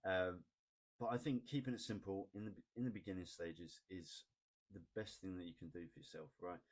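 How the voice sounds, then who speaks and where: A man explaining ad data in a casual, chatty screen-recorded tutorial, often asking "right?" and pausing on "um". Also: sits low, steady tone. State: has the hiccups. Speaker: online marketing tutor.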